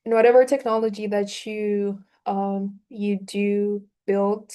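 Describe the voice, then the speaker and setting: A woman's voice: medium pitch, level tone, takes it slowly, mellow. A woman giving a conference talk, hesitant with many fillers. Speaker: conference speaker.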